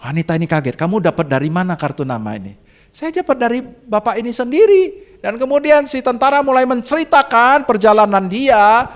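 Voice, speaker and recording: A middle-aged Indonesian man preaching a sermon as a pastor, telling a story with dramatic swings from soft and low to loud and high, often calling out to his congregation. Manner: addresses congregation as "saudaraku".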